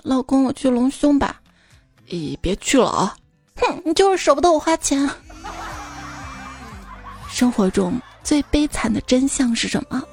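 A woman's voice: sits high, a little mellow. A woman reading funny anecdotes aloud, playfully acting out the dialogue. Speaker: joke reader.

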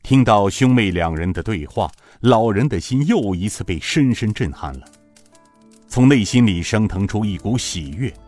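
A male narrator tells the story in a fairly low voice that rises and falls freely. He shapes each sentence with expressive, storytelling emphasis. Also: normal speed, soft background music. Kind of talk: audiobook narration of a martial-arts novel.

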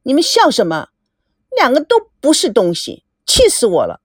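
A woman voicing a proud, quick-tempered young woman who scolds in a shrill, angry voice in a storybook reading. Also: big pitch swings, dry recording, clean studio sound. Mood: furious.

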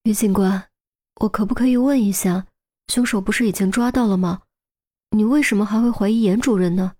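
A woman voicing a grieving, guarded widow in her thirties who speaks softly. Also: mid-range voice, brisk, natural voice. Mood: sorrowful. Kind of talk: audiobook character voice.

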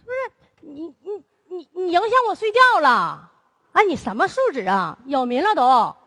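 Woman doing a shrewish Northeastern neighbor, very high voice, bright, lively, rapid-fire scolding. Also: no room sound, clean studio sound, full character voice. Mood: indignant. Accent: Northeastern Chinese. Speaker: errenzhuan comic performer. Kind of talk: stage comedy sketch.

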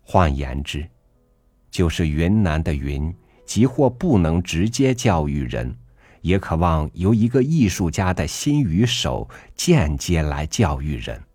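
A man reading a literary essay aloud for a podcast, measured and earnest, rising emphatically on rhetorical questions. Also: low voice, sing-song, no echo. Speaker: podcast reader. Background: soft background music.

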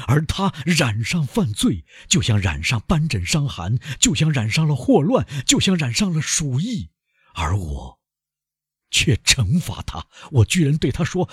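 A man's voice: mid-range voice, very animated, slow pace, breathy edge, dry recording, studio quality, voice pushed up, exaggerated voice. A man voicing an anguished, guilt-ridden middle-aged male prosecutor in an audiobook, with frantic, self-accusing outbursts. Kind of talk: audiobook character voice.

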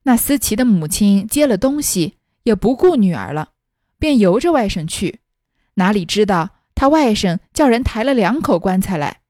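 A woman's voice: mid-range voice, sing-song, normal speed, darkish tone, no room sound, clean studio sound. A woman reading a classic novel aloud as a storyteller, giving each character a voice of her own. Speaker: audiobook reader.

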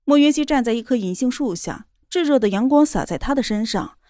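A woman reading a romance novel aloud in a steady, even storytelling voice. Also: on the high side, a little fast, dry recording, studio quality. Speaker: narrator. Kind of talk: scripted novel narration.

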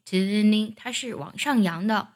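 A woman's voice: medium pitch, expressive, moderate pace. Woman teaching a song, singing demo lines. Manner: explains pronunciation, then sings demo phrases. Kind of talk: song lesson, explaining then singing lines slowly.

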